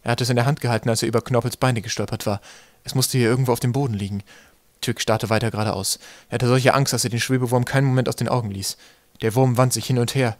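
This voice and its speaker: A man reading an audiobook in calm, steady narration. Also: medium pitch, fast talker, dry recording. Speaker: audiobook reader. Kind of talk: scripted narration.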